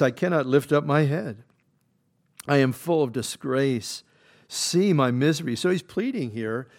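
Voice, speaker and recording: A male pastor with a gravelly edge to his mid-pitched voice teaches from scripture in a relaxed, conversational sermon. He stumbles through restarts and filler words, then lifts his voice when he reads the verses aloud. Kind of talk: midweek Bible-study sermon. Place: church.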